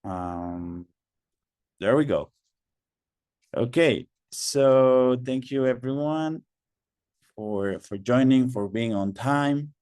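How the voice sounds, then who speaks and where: Slow man hosting a webinar. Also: mid-range voice, a little mellow, smooth, no echo, studio quality. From Mexico. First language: Spanish. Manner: patient, repeats instructions, many fillers. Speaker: webinar host. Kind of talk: online webinar moderation. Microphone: video call.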